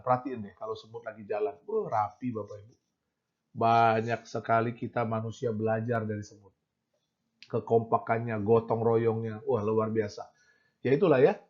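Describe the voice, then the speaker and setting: A man giving an informal devotional talk, addressing listeners directly and acting out little quoted remarks. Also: medium pitch. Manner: conversational, addresses audience directly, acts out quotes. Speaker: preacher. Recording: dull lo-fi sound.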